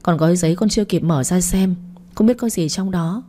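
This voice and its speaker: A woman's voice: on the low side, brisk, dark tone, lightly acted. A woman narrator voicing a spoiled young daughter who confesses and begs forgiveness in an audio story. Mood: confessing. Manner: apologetic, tearful. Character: spoiled young adult daughter, remorseful and tearful. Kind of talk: audiobook reading.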